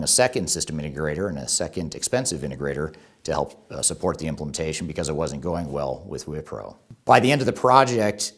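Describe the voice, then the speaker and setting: A man with a very deep voice hosts a top ten countdown video. He delivers it as a semi-scripted explainer. He tends to restate key points to drive them home. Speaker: YouTube host and presenter.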